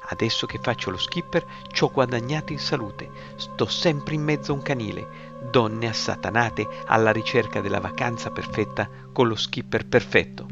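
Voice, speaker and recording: A man's voice: medium pitch, normal speed, creaky, lightly acted. A man reading a story aloud, voicing a brash, muscular male drinking buddy who works as a skipper and talks in a blunt, joking way. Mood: boastful. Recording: slightly muffled, music behind.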